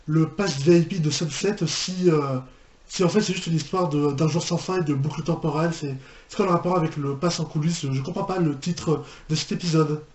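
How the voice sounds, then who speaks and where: A reaction video host with a fairly high, darkish-toned voice talks a little fast in casual commentary. He hesitates and repeats himself often, letting out incredulous exclamations. The room is echoey with faint noise.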